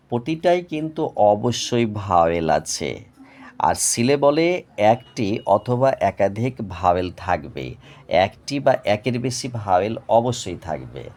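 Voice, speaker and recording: A man teaching a lesson at a board, explaining slowly and patiently, spelling out words and often checking with "okay?". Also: deep voice, a little mellow. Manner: slow, patient, repeats "okay?" to check understanding; spells words out and breaks them into parts. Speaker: tutor.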